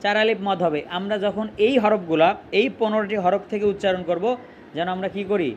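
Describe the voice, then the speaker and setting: A man's voice: sits high, fairly even intonation, a little fast, highs cut off, a little hiss or hum. A man teaching a Quran reading lesson, drawing out letters and asking questions that he answers himself.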